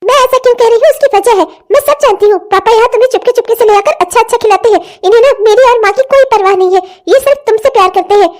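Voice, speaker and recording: A woman's voice: very high voice, racing, hardly any pauses. A woman voicing a jealous, sulky teenage daughter in a cartoon who whines and tattles. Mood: jealous whining. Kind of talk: cartoon voice acting.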